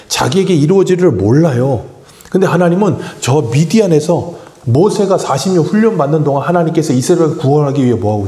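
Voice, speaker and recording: A man's voice: on the high side, mellow, echoey room. A man preaching a morning sermon as pastor, asking the congregation questions and answering them himself. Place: church sanctuary.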